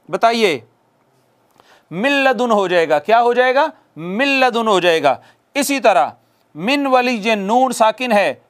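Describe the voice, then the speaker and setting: A man with a high-pitched voice teaches a class the rules of Quran recitation. He works through each rule step by step, asks questions and answers them himself. He repeats Arabic examples slowly and draws them out. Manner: addresses listeners formally. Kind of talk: classroom lesson on tajweed rules.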